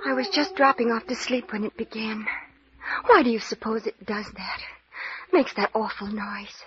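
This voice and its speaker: A woman playing a gentle, wounded young heroine, weary and apologetic, in an old-time radio mystery. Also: a little high, normal speed, close to an everyday voice. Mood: weary, plaintive. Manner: plaintive, apologetic. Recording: muffled lo-fi radio recording with hiss.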